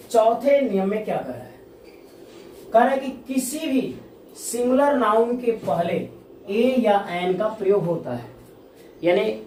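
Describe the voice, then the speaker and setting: A woman teacher giving a classroom-style grammar lesson, asking questions and answering them herself, repeating key terms and reading example sentences slowly. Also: mid-range voice, a little mellow. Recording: echoey room, distant mic, faint noise.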